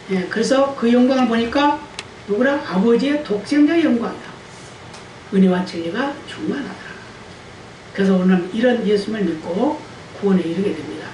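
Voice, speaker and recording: Her voice sits on the high side and sounds a little mellow as she preaches a Sunday sermon in the church sanctuary. This woman pastor asks the congregation questions and calls out for amens, captured by a distant mic in an echoey hall with faint hiss.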